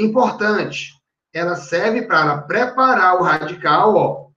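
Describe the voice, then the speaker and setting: High-voiced male teacher in an echoey room. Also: a bit bright. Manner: explains step by step, constantly checking in with the class. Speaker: Portuguese grammar teacher. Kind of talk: exam-prep lecture. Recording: echoey room, distant dull mic.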